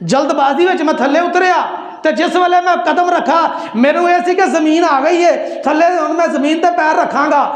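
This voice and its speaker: A man with a Punjabi accent giving a Friday sermon in a mosque, telling a story in an animated way and acting out the dialogue. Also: extremely high pitch. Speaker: Friday preacher. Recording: echoey mosque hall.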